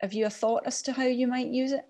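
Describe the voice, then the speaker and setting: A woman's voice: a little high, fairly even intonation, fast talker. A woman hosting an online talk over a video call, thanking and questioning her guest with many fillers. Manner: warm, appreciative, with fillers. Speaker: host.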